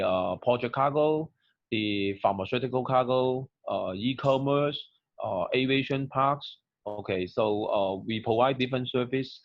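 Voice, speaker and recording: A man who runs a freight company, answering a webinar panel question in a halting way, with many fillers and "okay" tags, over dull lo-fi call audio. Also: medium pitch, no room sound. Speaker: freight company chief executive, panel guest.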